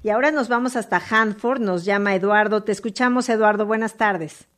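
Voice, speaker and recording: A woman's voice: medium pitch, a little fast. A woman hosting a call-in radio show, chatting in a friendly, conversational way. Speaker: radio host.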